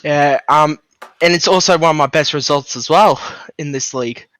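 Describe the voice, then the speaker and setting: A man's voice: fairly high pitch, normal speed, fairly bright tone, no room sound, low-quality recording. A man, a race driver chatting casually and rambling a bit. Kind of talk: casual post-race interview.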